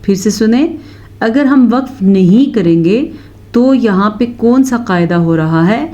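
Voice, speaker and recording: A woman teaching Quran recitation rules to her students, explaining each rule and then reciting verses in a slow, drawn-out chant. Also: medium pitch, expressive, mellow, dull audio. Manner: addresses students directly. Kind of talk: recitation lesson.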